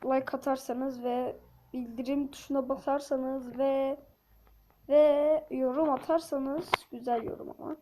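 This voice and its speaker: A woman giving casual, playful gameplay commentary to her viewers, excitable and chatty. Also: high-pitched, measured pace. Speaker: gaming channel host.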